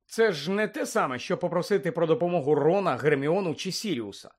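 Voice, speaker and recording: A man narrating a story aloud in a calm, even reading voice. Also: fairly high pitch, brisk, husky. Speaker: audiobook narrator.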